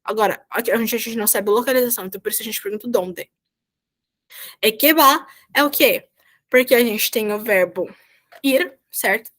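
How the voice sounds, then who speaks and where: Brazilian woman, volunteer teacher on a video call, fairly high voice, patient and repetitive, checks in often. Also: moderate pace, fairly bright tone. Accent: Brazilian Portuguese. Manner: patient, repeats "tá?" to check understanding. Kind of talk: online class explanation.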